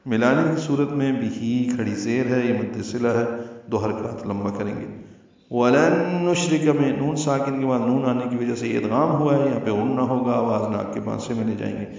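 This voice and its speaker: Male recitation teacher, methodical, chants verses slowly, muffled roomy sound from a distance. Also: medium pitch, creaky, a little mellow. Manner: explains rules step by step, then chants verses slowly. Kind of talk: tajweed lesson with recitation. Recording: echoey, distant, slightly dull sound.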